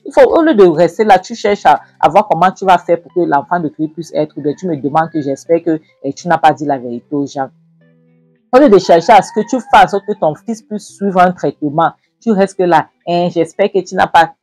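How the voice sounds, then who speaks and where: A woman doing a young woman standing her ground against her mother, exasperated and pleading. The voice is husky and low, recorded dry with faint music behind. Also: moderate pace, darkish tone, dry recording, close to an everyday voice.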